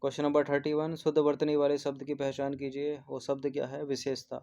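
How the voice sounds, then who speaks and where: Mellow-voiced man explaining spellings. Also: mid-range voice, monotone, fairly quick, vocal fry. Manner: repeats each word several times, explaining spellings; mixes English numbers and terms into Hindi. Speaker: teacher. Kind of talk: exam test-series answer walkthrough.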